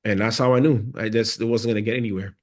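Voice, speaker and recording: Male guest, lower register, thoughtful and sincere, conversational interview delivery. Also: fairly even intonation, quick pace, a little mellow. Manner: earnest, reflective storytelling. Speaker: podcast guest.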